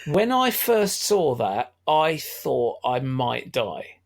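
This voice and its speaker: A man's voice: medium pitch, sing-song, slow, creaky. A middle-aged man, chatting wryly about a film as a podcast co-host. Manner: chatty, wry, laughs often. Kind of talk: casual film discussion.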